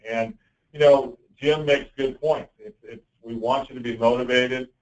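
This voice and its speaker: Man, call speaker audio, muffled lo-fi sound, distant from the mic, halting speech. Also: mid-range voice, steady tone, a little mellow. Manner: conversational, halting with fillers. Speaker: sales manager leading a training call. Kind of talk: conference call meeting.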